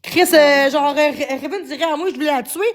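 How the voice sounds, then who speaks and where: A young woman with a Quebec French accent speaks in a high voice on her livestream. She sounds agitated and defensive, tripping over repeated words as she rants. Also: brisk, slight background noise. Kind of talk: upset livestream rant.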